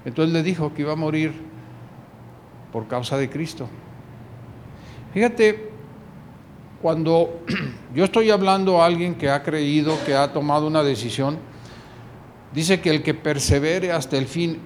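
A man's voice: fairly high pitch, a little mellow, a little hiss or hum. A man preaching a sermon, retelling a scripture story and acting out the dialogue with changing voices. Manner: acts out dialogue with shifting voices.

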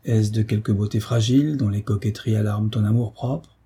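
A man's voice: on the low side, steady tone, brisk, mellow, breathy edge. A man voicing a rich, spirited young nobleman, ironic and full of exclamations, in a read-aloud historical novel. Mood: ironic, lively.

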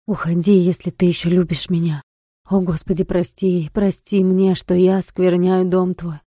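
A woman's voice: fairly low pitch, warm tone, no echo, clean studio sound. A woman reading aloud, voicing a young, tormented male priest who speaks with restraint and solemnity.

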